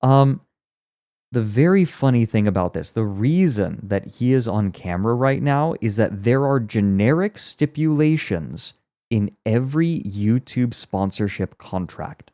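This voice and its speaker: A man with a medium-pitched, warm, expressive voice streams casually, reacting to a video with rambling explanations and wry asides. He talks a little slowly. His close mic is tucked inside a blanket fort for sound deadening, muffling him, while the audio stays clean and echo-free like a studio.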